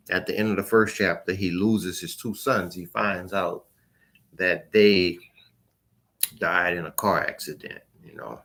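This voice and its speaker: Talking informally as a book reviewer, this man has a low voice with a bit of brightness. His delivery is halting and rambling, and his phrases tend to fade out at the end.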